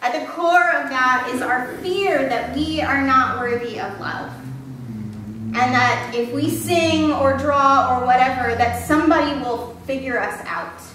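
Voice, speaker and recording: Her voice sits high and a bit bright as this woman pastor tells candid, self-deprecating stories during a sermon in a church sanctuary. The distant recording is very echoey and carries a little hiss or hum.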